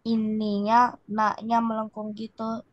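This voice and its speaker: A woman's voice: a little high, completely flat delivery, takes it slowly, no room sound. A female pupil with an Indonesian accent, answering the teacher in an online class. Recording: dull lo-fi online call.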